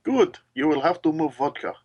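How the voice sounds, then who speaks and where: A man's voice: a little high, expressive, moderate pace, lo-fi sound. A man playing a tabletop game over voice chat, matter-of-fact as he explains rules. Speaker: player.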